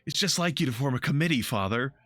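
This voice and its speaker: A frightened young elf woman, as a male game streamer reads her part, her voice climbing high and swinging widely as she pleads and accuses. She sounds bright and close on a dry mic. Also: animated, fast talker, no echo, close to an everyday voice. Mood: haunted.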